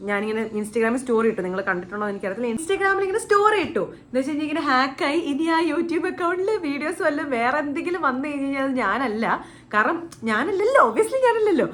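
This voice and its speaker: A young woman rattles through a story for her channel at a rapid clip. Her voice sits a little high, chatty and animated, with English words scattered through her talk. A faint hum of room ambience sits behind her. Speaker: YouTuber. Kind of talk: casual storytime vlog.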